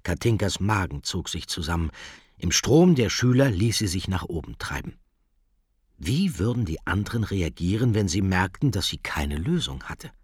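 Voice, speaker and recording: A man narrating a children's storybook in a lively, expressive reading style. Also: low voice, normal speed, breathy edge, dry recording, clean studio sound. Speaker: audiobook narrator.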